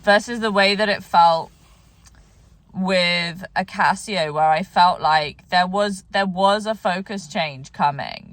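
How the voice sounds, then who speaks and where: A woman's voice: fairly low pitch, no room sound. Tired woman musing in a dry, close sound. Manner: rambling, many "like" fillers and restarts. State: tired, yawning. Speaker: horse trainer vlogger. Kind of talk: reflective vlog monologue.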